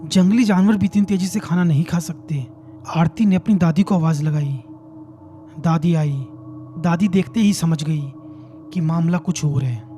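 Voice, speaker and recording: A man tells a horror story in a dramatic, suspenseful manner. His voice sits high but sounds warm and mellow, and soft music plays faintly behind him. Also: measured pace.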